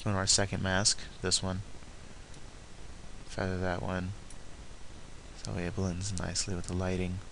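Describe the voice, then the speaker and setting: A man narrating a software tutorial step by step, haltingly talking through each action as he does it. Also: low voice, monotone, creaky, a little hiss or hum, low-quality recording. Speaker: tutorial presenter.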